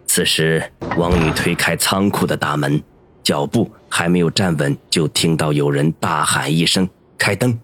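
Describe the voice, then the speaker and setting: A man narrating a story with steady storytelling in an audiobook. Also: very deep voice, normal speed, faint music behind. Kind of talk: scripted narration.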